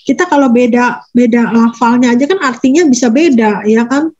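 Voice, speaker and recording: A woman speaking as an interview guest in casual conversation, talking at length in a halting way and often correcting herself mid-sentence. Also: a little high, a little mellow, muffled recording.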